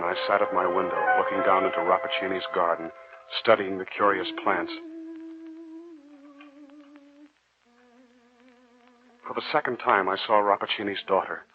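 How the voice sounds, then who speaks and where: In a muffled 1940s radio recording with music, a young adult male actor narrates in the first person as an earnest, romantic medical student who is smitten and uneasy. Courteous and measured, his low voice is lightly acted, the narration brooding.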